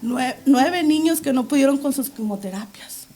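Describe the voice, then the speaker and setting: A woman's voice: high-pitched, expressive, moderate pace, warm tone, faint music behind. A middle-aged woman sharing a religious testimony as an interview guest, fervently reenacting her prayers aloud.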